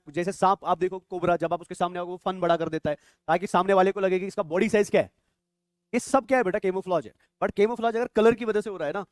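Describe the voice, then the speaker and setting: Calling his students "beta" and quizzing them constantly, a young adult man delivers an exam-prep biology lecture. His voice is high, and the recording has no room sound.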